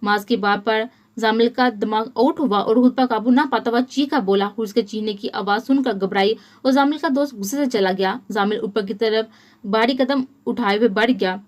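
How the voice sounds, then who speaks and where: A woman narrating a romance novel as an audiobook in a steady, even storytelling manner. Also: a little high, moderate pace.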